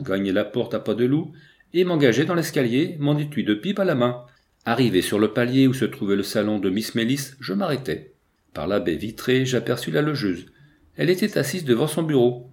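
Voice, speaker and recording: A man's voice: medium pitch, darkish tone. Man reading an audiobook aloud. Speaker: audiobook reader. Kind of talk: first-person audiobook narration.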